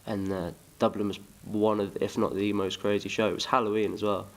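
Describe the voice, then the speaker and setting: A man's voice: on the low side, flat delivery, a little fast, vocal fry. A young man from England chatting casually in an interview, rambling and self-deprecating. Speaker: musician, interview guest.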